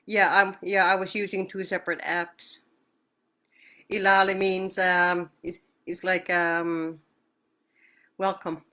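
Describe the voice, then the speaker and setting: A woman leads an online language lesson, speaking slowly in a slightly low voice. She repeats words with care and answers questions patiently, as if over a video call. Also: level tone, bright, forceful tone. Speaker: language teacher.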